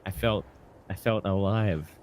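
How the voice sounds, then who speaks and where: A man's voice: deep voice, a little slow, a little mellow, slight background noise. A man playing in a tabletop role-playing game, talking in a playful, joking way. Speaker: player. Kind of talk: casual tabletop play.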